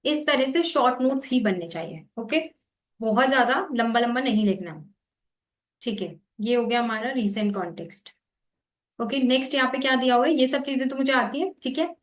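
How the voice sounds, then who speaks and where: A woman teaching exam preparation, explaining how to make notes and reading passages aloud slowly in a mix of Hindi and English. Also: on the high side, echoey room. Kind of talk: explaining note-making while reading aloud.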